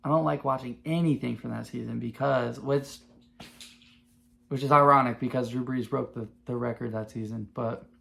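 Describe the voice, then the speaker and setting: A man in his twenties hosting a podcast, talking in a rambling, profane, excitable way in casual sports chat. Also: medium pitch, creaky. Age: 20s. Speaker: podcast host.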